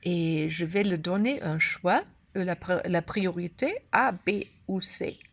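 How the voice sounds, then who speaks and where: German lady doing an app walkthrough in broken french, stumbles for words, bit gravelly. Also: fairly low pitch, a little hiss or hum. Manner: broken, halting French with grammar slips and word searching. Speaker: course creator and app instructor. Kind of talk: unscripted tutorial walkthrough.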